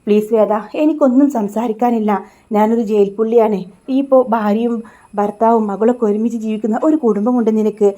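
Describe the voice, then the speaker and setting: Mellow-voiced woman retelling a serial. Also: a little high, fairly even intonation, fairly quick. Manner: retells scenes and reads characters' lines in her own voice, adding tag words. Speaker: serial recap narrator. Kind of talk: casual spoken story recap.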